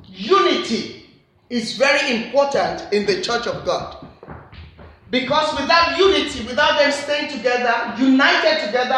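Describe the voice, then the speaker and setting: A woman with a high, slightly bright voice and a Nigerian accent delivers a sermon in a church, with a little hiss or hum audible. The hall is very echoey, and she drives her key points home through earnest, repetitive, emphatic phrasing.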